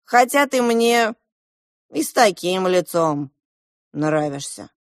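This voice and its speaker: A woman voicing a spoiled, capricious young prince who is bossy and excitable. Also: on the low side, slow pace, no echo, clean studio sound.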